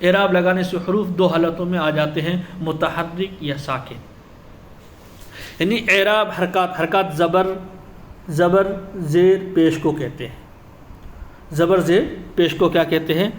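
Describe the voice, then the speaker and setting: High-voiced man teaching in an echoey room. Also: fairly even intonation, pauses often. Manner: explanatory, asks and answers own questions. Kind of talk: exam-prep lecture. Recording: echoey room with faint ambient noise.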